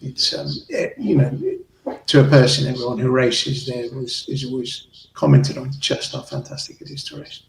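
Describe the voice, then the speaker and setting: Brief: Zimbabwean-accented man, gravelly voice, friendly and halting, recorded a little off-mic in an echoey room. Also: mid-range voice, far from the mic, a little hiss or hum. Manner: hesitant, restarts phrases, friendly. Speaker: guest, racing club vice chair. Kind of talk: casual interview chat.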